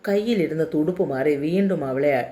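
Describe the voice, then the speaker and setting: A woman narrating a dramatic novel in a steady, emotive reading. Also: low voice, a little fast. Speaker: storyteller. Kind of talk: scripted story narration.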